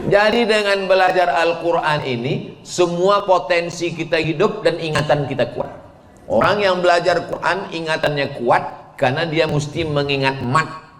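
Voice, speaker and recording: A man preaching a lively sermon, joking with the audience and chanting verses. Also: a little high, normal speed. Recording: echoey hall, faint background noise.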